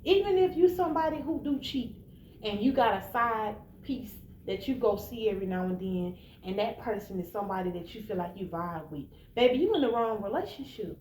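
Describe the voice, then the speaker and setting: Speaking directly to the listener, a roughly thirty-one-year-old American woman gives blunt, emphatic relationship advice in a casual, informal monologue. Her mid-range, darkish voice is animated and fairly quick. Faint background noise and room echo are audible.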